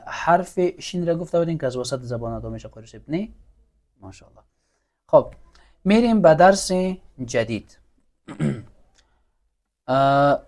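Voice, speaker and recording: With a darkish tone and a voice on the high side, this man leads a Quran recitation class. He patiently drills letter sounds for students to echo back and offers them praise.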